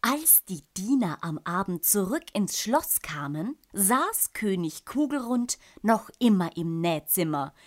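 A woman reading a children's storybook aloud, calm and clear. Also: mid-range voice, unhurried, few pauses.

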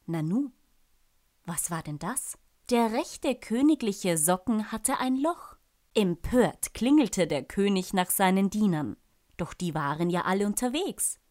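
A woman reading a children's storybook aloud, calm and clear. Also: medium pitch, unhurried.

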